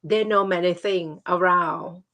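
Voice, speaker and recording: A woman with a Thai accent, a non-native speaker whose first language is Thai, casually telling personal stories and often pausing to search for words. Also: lowish voice, fairly even intonation, a bit bright. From Thailand.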